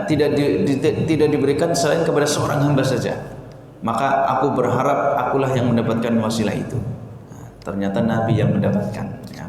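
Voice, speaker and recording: A man's voice: mid-range voice, a little mellow. Indonesian-accented man teaching, very echoey hall. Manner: slow, repeats words to drill them. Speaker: Arabic teacher. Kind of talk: religious language lesson. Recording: echoey hall with faint noise.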